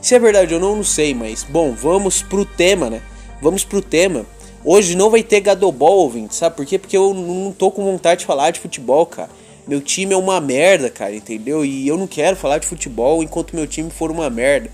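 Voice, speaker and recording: A man's voice: fairly high pitch, animated, a little fast, a little mellow, faint music behind. A young man with a Brazilian Portuguese accent, hosting a podcast in a crude, slangy, rambling monologue with frequent laughs. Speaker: podcast host. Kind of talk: casual chat monologue.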